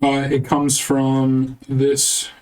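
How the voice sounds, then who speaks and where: A woman game master with a very deep voice narrates and referees a tabletop session. She speaks slowly and deliberately. The mic is a little distant, with faint noise. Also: completely flat delivery, darkish tone.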